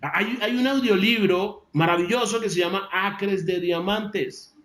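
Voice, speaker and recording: A man delivering a motivational talk in a high, emphatic voice. He hammers on key phrases, repeating them and slowing down to let them land. The sound carries a noticeable room echo. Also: a bit bright. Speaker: motivational speaker.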